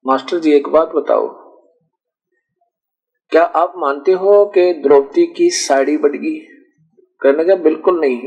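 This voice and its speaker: A man's voice: fairly high pitch, darkish tone, muffled recording. A man preaching in a conversational storytelling way, acting out dialogues and often correcting himself mid-word. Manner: rustic, conversational, recounts dialogues with self-corrections. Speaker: spiritual preacher. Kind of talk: storytelling sermon.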